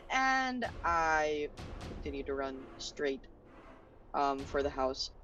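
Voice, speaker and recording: A tabletop game player who talks in an unhurried way, asking rule questions. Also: medium pitch, flat delivery, a bit bright, soft background music. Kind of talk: casual tabletop play. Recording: dull lo-fi audio.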